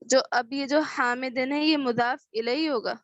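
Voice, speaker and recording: A woman's voice: high-pitched, fairly even intonation, dry recording. A woman student asking her teacher a grammar question on an online class, hesitant and mixing in English words. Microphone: online call. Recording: muffled call audio.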